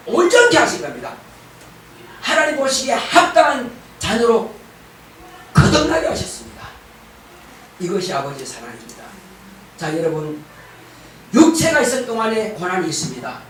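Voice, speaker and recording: A man's voice: very high voice, fairly bright tone, slight background noise. A middle-aged man preaching a sermon as pastor, emphatic and calling for responses from the congregation. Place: church sanctuary. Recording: very echoey church hall, distant mic.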